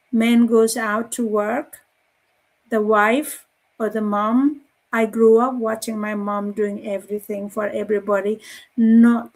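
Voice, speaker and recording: A woman in her forties from Nepal with a Nepali accent, speaking as a guest on a live online panel, halting, with many fillers and restarts. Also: on the high side, darkish tone.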